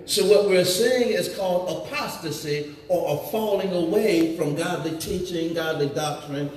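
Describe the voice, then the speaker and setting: A high-pitched male preacher drives his points home with scornful emphasis. His voice rings with a long hall reverb and sits far from the mic. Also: unhurried, a little mellow, a little hiss or hum. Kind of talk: sermon to a youth revival.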